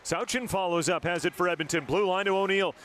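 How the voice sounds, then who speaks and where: A man's voice: high-pitched, fast, fairly bright tone, a little hiss or hum. A man doing live hockey play-by-play on a broadcast mic, rattling off each pass and shot in short, clipped calls. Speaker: play-by-play announcer.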